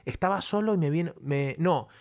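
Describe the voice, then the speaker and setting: A man's voice: a little high, normal speed. Chatty man telling a story. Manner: animated storyteller, restarts, acts out voices. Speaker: podcast co-host. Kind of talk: casual chat.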